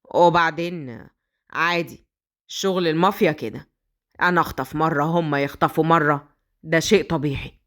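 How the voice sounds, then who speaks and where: A woman voicing a cold, dismissive wealthy father who scolds in a low Egyptian voice. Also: normal speed, pauses often, fairly bright tone. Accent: Egyptian Arabic.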